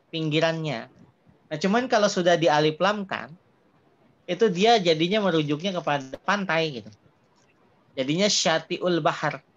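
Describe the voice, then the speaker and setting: A man teaching an Arabic dialogue lesson in a relaxed, chatty way, often ending phrases with casual fillers. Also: on the high side. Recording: muffled lo-fi sound with faint background hiss.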